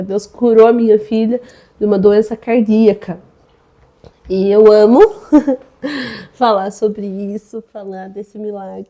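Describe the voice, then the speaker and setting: A woman's voice: fairly high pitch, dark tone. A young woman with a Brazilian Portuguese accent, earnestly sharing a faith testimony about her baby's healing, often repeating her phrases. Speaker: mother giving a testimony.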